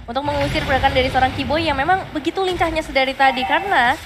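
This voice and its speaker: A woman's voice: high voice, very fast, noisy background. A woman working as an esports caster, giving live commentary on a game.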